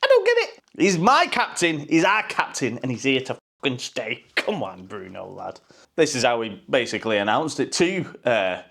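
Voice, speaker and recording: Crude, ranting football fan. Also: male voice, mid-range voice, huge pitch swings, moderate pace, creaky, a bit bright. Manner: blunt, crude, mocking, laughs at own jokes. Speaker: football fan channel host. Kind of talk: profane, ranting casual commentary.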